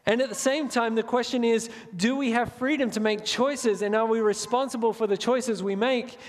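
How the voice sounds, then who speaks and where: A man preaching a sermon, earnest and reading scripture slowly and gravely. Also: very high-pitched, fairly even intonation, big-room sound. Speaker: pastor.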